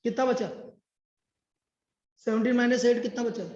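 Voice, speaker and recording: Stern high-voiced male tutor scolding. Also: fairly even intonation, normal speed, darkish tone. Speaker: math tutor. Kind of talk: scolding a student during a math class. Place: classroom. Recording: echoey room, dull sound.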